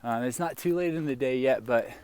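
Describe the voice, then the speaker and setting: A man's voice: mid-range voice, a little fast, smooth. Easygoing man vlogging on a mountain trail. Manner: relaxed, rambling, with many fillers. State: a little out of breath. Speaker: thru-hiker vlogger. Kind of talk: casual trail vlog narration. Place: outdoors on a mountain trail in rain and hail. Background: light rain, wind and hail.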